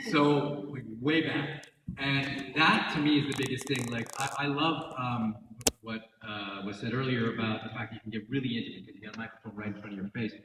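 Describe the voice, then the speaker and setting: An enthusiastic male actor sharing memories on a panel, with plenty of exclamations. He sounds distant in a big echoing hall, with a long reverb and clear background noise. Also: mid-range voice. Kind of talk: casual panel talk. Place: large convention panel room. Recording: echoey hall, voice from a distance, noisy.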